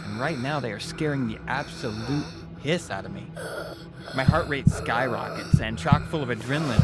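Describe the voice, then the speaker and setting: A man telling a scripted first-person horror story as its narrator. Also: mid-range voice. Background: music.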